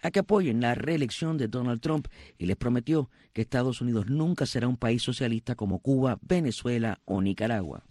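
A man anchoring a radio newscast, reading formal scripted links between stories. His voice is mid-pitched, recorded dry and close. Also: lively intonation, a little fast, few pauses, warm tone, no room sound.

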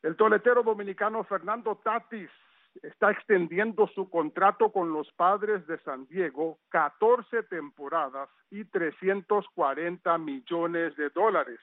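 This sports reporter's voice is high and unhurried as he reads a radio roundup of sports news. He keeps the tone conversational and drops in chatty asides. The dry recording sounds tinny, like a phone line.

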